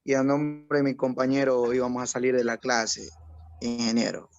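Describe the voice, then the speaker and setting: A man's voice: mid-range voice, level tone, moderate pace, lo-fi sound. A man speaking as a student on a video call, polite and formal with his teacher.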